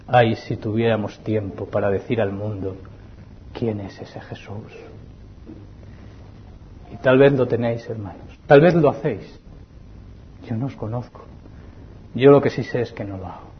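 A man with a Spanish accent preaching a sermon, addressing the congregation as brothers, swinging between hushed pleading and raised fervent exhortation. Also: medium pitch, slight background noise. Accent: Spain Spanish. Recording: dull lo-fi recording.

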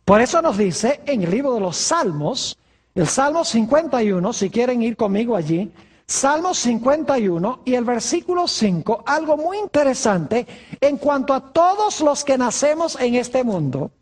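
A preacher giving a sermon, asking rhetorical questions and answering them, stretching key words slowly. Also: mid-range voice, very animated, slightly rough.

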